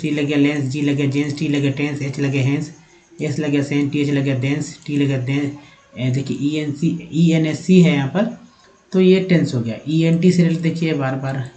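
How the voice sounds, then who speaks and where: A man's voice: medium pitch, warm tone, reverberant, rough recording. A man teaches English spelling and pronunciation, repeating letter patterns aloud and addressing viewers as friends.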